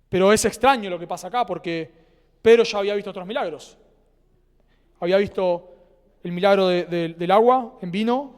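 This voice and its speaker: High-voiced Argentine pastor preaching in a reverberant church. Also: male voice, smooth. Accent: Argentine Spanish. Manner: earnest, animated preaching with dramatic pauses and trailing quiet endings. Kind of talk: sermon. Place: church sanctuary. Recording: church hall with long reverb.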